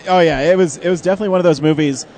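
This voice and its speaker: A man's voice: a little high, very fast, very noisy. A man chatting offhandedly as co-interviewer at an outdoor fan convention.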